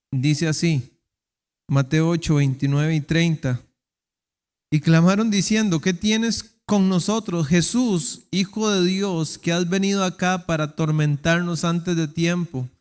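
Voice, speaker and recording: Pastor preaching in a reverberant church. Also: male voice, on the high side, steady tone, slow pace, darkish tone, smooth. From Costa Rica. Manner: emphatic preaching, acts out quoted voices. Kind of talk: sermon. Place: church sanctuary.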